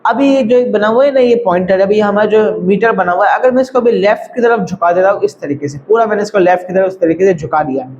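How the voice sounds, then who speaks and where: A man's voice: sits high, quick pace, hardly any pauses, darkish tone, lo-fi sound, a little hiss or hum. Chatty man teaching video editing. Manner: chatty, repeats "thik hai" and "bhai". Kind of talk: casual screen-recorded tutorial.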